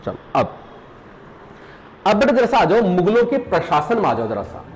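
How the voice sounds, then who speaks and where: A man's voice: high-pitched, wildly swooping pitch, moderate pace, crowd noise, low-quality recording. A man with a Pahari-tinged Hindi accent, a teacher giving a live exam revision class, repeating points, joking and quizzing students with questions. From Uttarakhand hills. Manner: calls students "beta", jokes and laughs while teaching.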